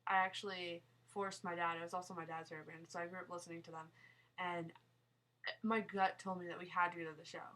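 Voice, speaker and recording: Answering viewer questions on a live stream from home in a small town, a young woman rambles and laughs often, her voice nasal from a sinus cold. She talks fast in a lowish, flat, bright and forceful tone.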